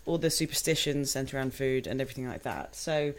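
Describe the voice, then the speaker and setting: Low-voiced chatty young woman cooking. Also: brisk. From Hong Kong. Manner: chatty, laughs often. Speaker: home cook guest. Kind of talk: casual chat while cooking.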